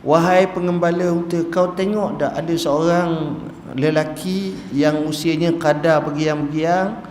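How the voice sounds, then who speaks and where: A man doing a deliberate, searching stern man. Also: on the high side, steady tone, darkish tone, a little hiss or hum, voice pushed up, lightly acted. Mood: questioning. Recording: echoey hall, faint ambience.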